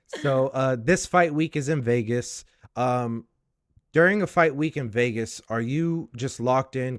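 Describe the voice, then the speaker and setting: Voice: medium pitch, no echo, studio quality. An interviewer asking casual, friendly-worded questions in a sit-down conversation.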